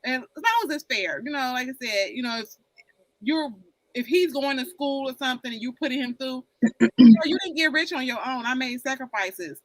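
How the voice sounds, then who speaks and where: A woman's voice: high voice, animated, a little fast, no room sound, rough recording. A woman in her forties talking candidly in a casual group chat, rambling and often repeating herself. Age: 40s. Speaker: panel guest.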